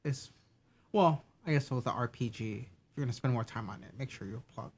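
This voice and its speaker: A young man steers a casual chat about games. He pauses often and fills the gaps with uhs. His pitch sits in the middle range. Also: breathy edge. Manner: hesitant, many uhs. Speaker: podcast moderator.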